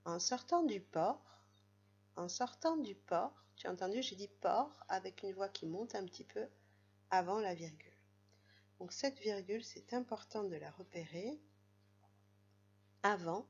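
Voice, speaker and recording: A woman with a French accent teaching a primary school reading lesson, speaking gently and patiently straight to a child at home. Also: mid-range voice, slightly rough, dull audio. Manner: slow, gentle, patient, addresses the child directly.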